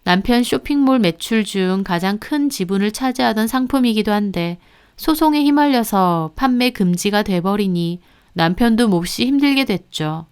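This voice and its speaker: A woman narrating a dramatized first-person story with an expressive telling. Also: mid-range voice, normal speed, clear, resonant tone.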